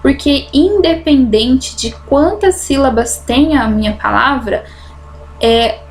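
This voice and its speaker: A woman teaching a grammar lesson, explaining patiently and drawing out example words slowly. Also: high voice, slight background noise. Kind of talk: recorded online grammar lesson.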